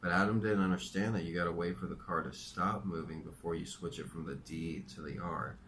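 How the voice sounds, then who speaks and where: A man's voice: sits low, fairly even intonation, fairly quick, fairly bright tone, slight background noise. A man reading his own memoir aloud, telling it in a dry, matter-of-fact way.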